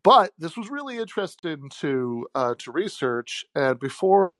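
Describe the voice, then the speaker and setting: A man hosting an informal solo commentary show, speaking haltingly and off the cuff into a handheld phone. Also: a little high, big pitch swings, dry recording, studio quality. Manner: halting, chuckles mid-sentence. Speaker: podcast host taking callers. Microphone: phone held like a call, no headset.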